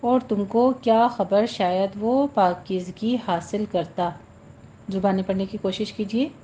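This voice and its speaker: Woman recitation teacher, mellow voice, muffled recording, slow drawn-out chanting between brisk explanations. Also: mid-range voice, slight background noise. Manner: chants verses very slowly with long drawn vowels, then explains rules briskly. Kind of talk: slow tajweed lesson, recitation alternating with explanation.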